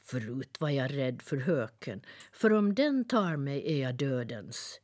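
A woman voicing a chirpy little talking nightingale from a dream world, chirping and excited as she reads a storybook aloud. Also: a bass voice, no echo, clean studio sound, heavily acted. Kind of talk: storybook reading.

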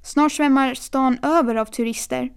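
A woman's voice: high voice, fairly even intonation, gravelly, clear, resonant tone. A woman voicing a scheming man who slurs his words, in an audiobook. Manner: slurred speech. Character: slurring crew-cut man in a rumpled suit, scheming.

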